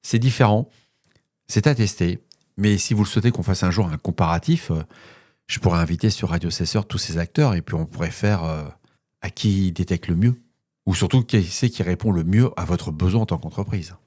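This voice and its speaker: A man's voice: low voice, normal speed, darkish tone, no room sound, clean studio sound. A man hosting a cybersecurity news podcast, reading bulletins and then slipping into casual off-script asides with fillers.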